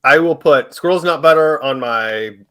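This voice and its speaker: A man co-hosting a podcast, talking in a relaxed, hesitant way with many fillers. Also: on the high side, normal speed. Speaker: podcast co-host. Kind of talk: casual chat.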